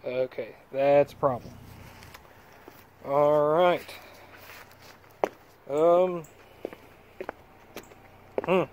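A man's voice: on the high side, extremely slow, pauses often, a little mellow, highs cut off, a little hiss or hum. Folksy man filming his truck. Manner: rambling, folksy, with fillers and restarts. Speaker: vlogger reviewing truck accessories. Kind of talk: casual walkthrough vlog. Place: inside a pickup truck and outdoors by a trailer.

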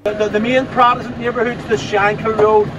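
A man's voice: sits high, flat delivery, fairly quick, lo-fi sound. A man guiding a taxi tour, explaining local history in a plain, matter-of-fact way. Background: background music.

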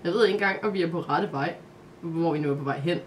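A woman's voice: on the low side, far from the mic, a little hiss or hum, natural voice. A woman voicing an unsure, bewildered young boy in a storybook reading, speaking in a hesitant, puzzled way.

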